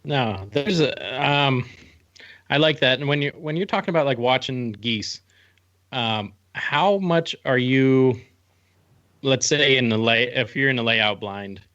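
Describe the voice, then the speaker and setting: A man's voice: mid-range voice, measured pace, a bit bright, dull audio. A man hosting a casual interview podcast in an informal, conversational way. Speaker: podcast host.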